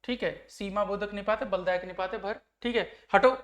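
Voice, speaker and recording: A man's voice: high voice, steady tone, brisk, a bit bright. A man teaching a grammar lesson, who keeps asking his students questions to check they follow and acts out the example sentences. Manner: explains by acting out example sentences. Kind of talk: online exam-prep lesson.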